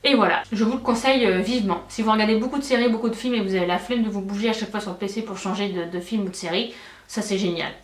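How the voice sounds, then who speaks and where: A woman's voice: mid-range voice, racing, a little hiss or hum. A young woman beauty vlogger chatting casually and enthusiastically, with many fillers. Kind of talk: casual chat. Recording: echoey room, mic at a distance.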